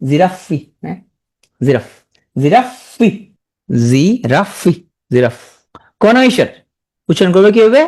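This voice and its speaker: A spelling teacher, who sounds out words slowly syllable by syllable and repeats them, with joking asides to a large class. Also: medium pitch, darkish tone.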